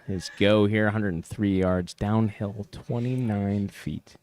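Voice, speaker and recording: A man's voice: on the low side, fairly even intonation, slow pace, a little mellow. A man working as a golf commentator, calling a match live in short descriptive phrases full of golf jargon.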